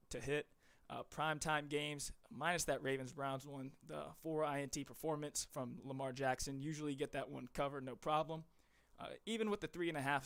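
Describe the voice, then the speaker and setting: A man's voice: mid-range voice, vocal fry. A man giving sports betting picks on a live stream, casual and rambling with lots of fillers, a little out of breath.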